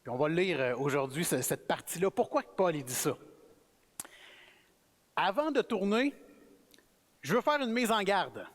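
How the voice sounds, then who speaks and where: A man with a Québécois French accent, preaching as a guest speaker in a relaxed, friendly, conversational sermon. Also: high voice, moderate pace, long pauses. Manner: relaxed, friendly, self-effacing. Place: church sanctuary. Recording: reverberant church hall.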